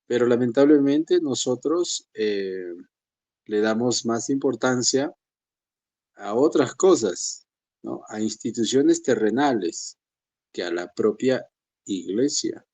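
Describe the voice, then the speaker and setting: A man in a pastoral teaching session speaks with a warm, mellow tone. He talks to the congregation in a conversational way, calling them brothers, and now and then mimics the excuses of believers. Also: animated, takes it slowly. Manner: conversational, addresses listeners as brothers; acts out believers' excuses in a higher voice.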